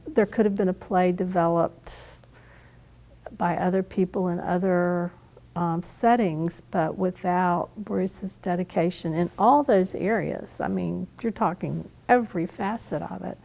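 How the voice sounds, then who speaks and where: A woman's voice: fairly low pitch, unhurried, vocal fry, mellow. A woman in an interview, explaining things in a thoughtful way. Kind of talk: documentary interview.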